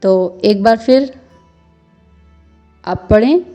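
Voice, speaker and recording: A woman with a mellow, soft-toned voice guides listeners through sacred verses as a recitation teacher. She chants each line at a very slow, deliberate pace, then explains the pronunciation more briskly. Faint music plays softly underneath. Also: medium pitch. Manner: patient, chants verses slowly, explains quickly.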